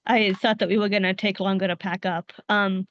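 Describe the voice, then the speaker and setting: A woman's voice: medium pitch, level tone, fairly quick, a bit bright, lo-fi sound. A woman player in a tabletop game, speaking casually with hesitant fillers.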